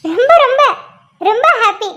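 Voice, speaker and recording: An emotional young wife from a cartoon story, voiced by a woman. Her voice is squeaky and very high, turning from whiny and pouty to bubbly and delighted. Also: expressive, moderate pace, a bit bright, muffled recording. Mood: happy. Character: young wife, emotional, sulky then joyful. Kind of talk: cartoon dialogue voice acting.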